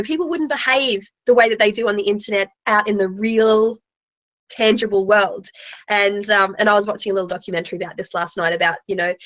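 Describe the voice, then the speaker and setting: On a live tarot panel, a woman with a big voice offers opinionated talk, speaking emphatically and repeating phrases for stress. Her voice is mid-range and fairly bright, though the audio quality is poor.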